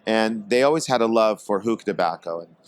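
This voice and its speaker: A man with a fairly low voice talks as a guest at a trade expo, from Portland, Oregon. He speaks haltingly, pausing and filling gaps often as he explains his business in a casual podcast chat. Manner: hesitant, many pauses and fillers. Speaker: guest, tobacco company executive.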